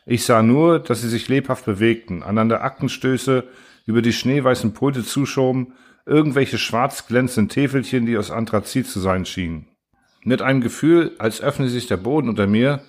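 A man reading a novel aloud as first-person narration, in a steady, measured way. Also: medium pitch. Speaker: audiobook reader.

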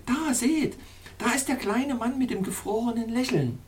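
A man doing a high, eager girl princess. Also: moderate pace. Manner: bright, excited, high-pitched calls. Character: young girl princess, eager and tender-hearted.

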